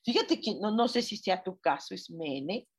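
A woman with a Mexican accent, a spiritual guide answering listener messages in a live reflective chat, asking gentle questions with frequent exclamations. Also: medium pitch, expressive, unhurried, breathy edge. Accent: Mexican Spanish.

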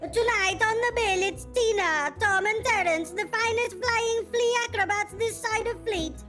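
A woman's voice: very high voice, measured pace, a bit bright, faint music behind. A woman playing a grandiose flea circus showman, announcing theatrically in a comedy sketch. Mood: grandiose, proud.

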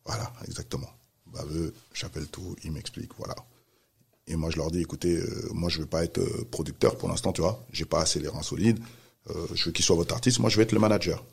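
Brief: male storyteller, very low, rapid, animated, many restarts. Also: gravelly, slightly rough. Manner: animated, acts out quoted voices, many restarts. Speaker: music manager telling a story. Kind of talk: casual storytelling chat.

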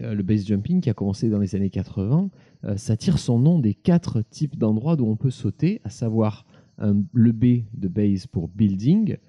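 Dark-voiced man explaining trivia. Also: fairly low pitch. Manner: chatty and didactic, checks in with listeners. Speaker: podcast reporter. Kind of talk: informal explainer segment. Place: indoors at home.

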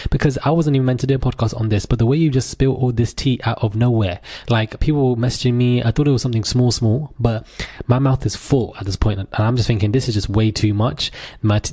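A man's voice: mid-range voice, dark tone. A man hosting a podcast, giving casual gossip commentary with dramatic, sassy asides. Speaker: podcast host.

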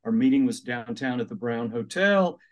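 In a muffled recording, an older man who is an author and minister speaks at medium pitch and a moderate pace. He shares interview stories with animation, acting out quoted voices.

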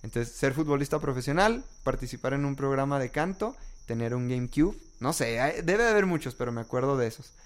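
A man's voice: medium pitch, lively intonation, brisk, few pauses. A young man with a Mexican accent in casual conversation, telling personal anecdotes in a candid way.

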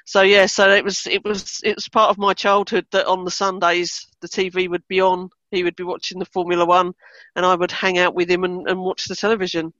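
A woman's voice: on the low side, level tone, a little fast, a bit bright, no room sound, muffled recording. A woman with an Essex English accent chatting casually on a podcast as a Formula One fan. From Essex, England.

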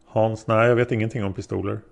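A man reading the lines of a hesitant male taxi driver being questioned as a witness, in a plain, halting way. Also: fairly low pitch, steady tone, creaky, highs cut off. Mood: unsure. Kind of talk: read-aloud interrogation transcript.

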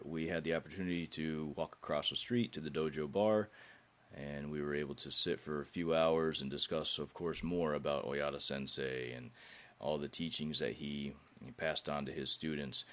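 A man with a cold and sore throat, sounding hoarse and gritty as he narrates a podcast introduction as host. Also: extremely low pitch, normal speed.

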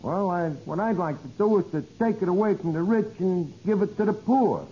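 A man's voice: sits high, expressive, moderate pace. A male actor playing a dim but scheming, wisecracking tavern man in old radio comedy, with a New York accent and mock-earnest, ungrammatical talk. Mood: naive. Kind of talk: 1940s-50s radio comedy acting. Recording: muffled, hissy old radio recording.

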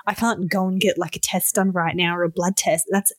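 A young adult woman, telling her own story as a podcast guest in casual chat, acting out quotes with sudden high squeals. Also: steady tone, brisk, no room sound.

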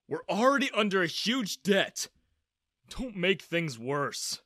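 A man's voice: sits high, very animated, slow, sharp tone, no echo, studio quality, pitched above the performer's own voice, exaggerated voice. A man voicing a worried, stern father who speaks in a firm, forbidding way.

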